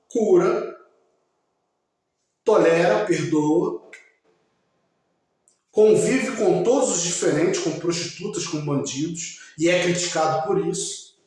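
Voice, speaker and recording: A man giving a slow, emphatic religious talk, speaking directly to his listeners. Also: high-pitched, darkish tone. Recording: very echoey room.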